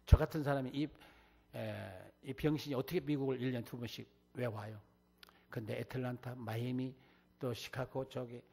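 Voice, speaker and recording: 교회에서 자신의 간증을 섞어 설교하는 나이 든 남자 목사로, 목소리가 약간 허스키하고 인용하는 사람들의 말투를 생생하게 흉내 낸다. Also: male voice, mid-range voice, gravelly, husky. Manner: animated storytelling, acting out quoted voices. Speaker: guest preacher, missionary. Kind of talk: testimony sermon. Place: church.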